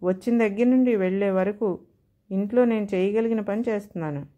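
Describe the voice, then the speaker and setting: A woman's voice: mid-range voice, moderate pace, a little mellow, natural voice. A woman voicing a proud young working wife who argues heatedly with her husband. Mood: indignant. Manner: heated, indignant pleading.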